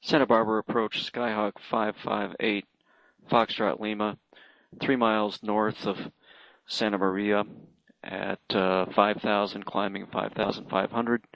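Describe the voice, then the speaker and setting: Man, pilot, hesitant aviation radio calls, gravelly fry, dry lo-fi radio sound. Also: lowish voice, flat delivery, a bit bright, dry recording. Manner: halting, hesitant phrasing. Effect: aviation radio transmission. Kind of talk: aviation radio calls to air traffic control. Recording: dull, narrow radio-band sound.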